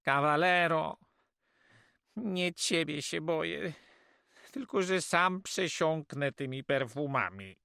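High-pitched careful catalan sidekick, smooth, slow. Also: male voice, lively intonation, sharp tone, dry recording, studio quality, heavily acted. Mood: wry warning. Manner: high, polite and warning, calls him "kawalero". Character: cautious Catalan male companion, calm and wry. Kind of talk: audiobook character voice.

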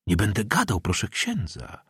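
Mężczyzna czytający głosem przestraszonego ucznia, który odpowiada pokornie i z szacunkiem. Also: male voice, lowish voice, wildly swooping pitch, fairly bright tone, slightly rough, no echo, studio quality, full character voice. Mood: timid. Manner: meek, hurried, respectful. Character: frightened schoolboy, timid but determined.

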